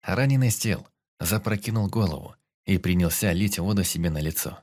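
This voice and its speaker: Brief: deep male narrator, steady audiobook reading. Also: moderate pace, no room sound, studio quality.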